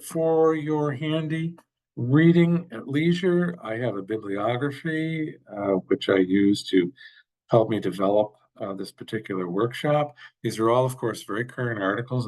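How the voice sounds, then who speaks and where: A man giving a workshop over a video call, answering questions with halting speech and frequent fillers. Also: mid-range voice, a little mellow. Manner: halting, many fillers and restarts. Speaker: workshop presenter. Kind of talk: webinar Q&A.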